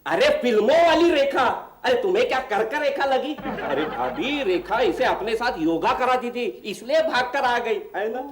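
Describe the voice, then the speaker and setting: A man's voice: extremely high pitch, very animated, moderate pace, a crowd in the background. An actor playing a sly young man who pretends to be blind in a sitcom, bantering and giggling. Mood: joking. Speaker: sitcom character. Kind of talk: sitcom acting. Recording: sitcom audio with laugh track.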